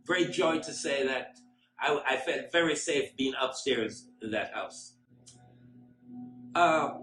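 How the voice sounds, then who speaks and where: A man giving a fond, reminiscing eulogy with gentle self-mocking humor. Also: a little high. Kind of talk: memorial eulogy. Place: large school hall. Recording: echoey hall.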